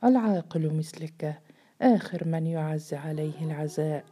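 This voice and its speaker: A woman's voice: sits low, moderate pace, dark tone, slightly rough. A woman voicing a frail, dying young wife who speaks weakly and tenderly, in a read-aloud novel. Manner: weak, faint speech.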